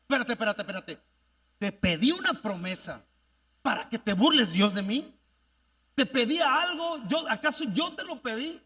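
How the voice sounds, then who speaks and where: A man's voice: very high-pitched, expressive, moderate pace, pushed and bright, slightly rough, in a large hall, exaggerated voice. A man voicing an older Shunammite woman who reproaches God and the prophet over her dead son, pleading and indignant. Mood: anguished.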